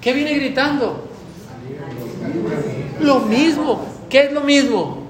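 A man's voice: extremely high pitch, animated, slow pace, echoey room, crowd noise. A male priest giving a conversational sermon, often asking the listeners questions.

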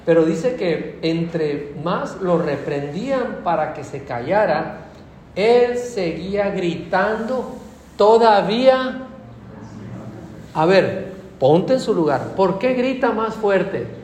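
A Mexican Spanish preacher delivers a sermon in a high, animated voice, swinging his pitch widely as he keeps asking his listeners questions. He is recorded in an echoey room with faint ambience behind him. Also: slow, a little hiss or hum. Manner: animated, asks the congregation questions.

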